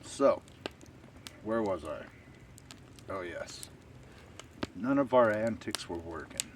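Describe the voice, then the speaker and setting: A man telling a long story to camera in a rambling, unhurried way, full of fillers. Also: deep voice. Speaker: stealth camping vlogger. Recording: distant outdoor camera audio with faint ambient noise.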